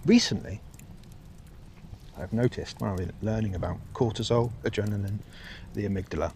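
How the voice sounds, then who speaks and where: A man's voice: on the low side, normal speed, darkish tone, a little hiss or hum. A man talking in a casual vlog monologue while out walking a dog, rambling with restarts and frequent swearing. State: hot and a little weary while walking. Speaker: vlogger.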